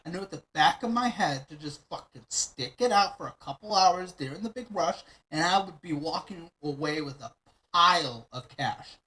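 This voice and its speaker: A man's voice: on the high side, a little fast, few pauses, fairly bright tone, poor audio. A man reacting to a viral video in casual, blunt commentary, sarcastic and swearing freely.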